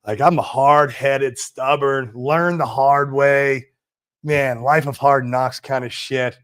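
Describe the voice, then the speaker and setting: Male streamer in his forties, casual and slangy, mid-pitched, unhurried chat. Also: steady tone, a bit bright. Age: 40s. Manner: laid-back, slangy, trailing off with "man" and "dude". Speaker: livestream host. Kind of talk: casual livestream chat reading viewer comments. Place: home in Puerto Rico.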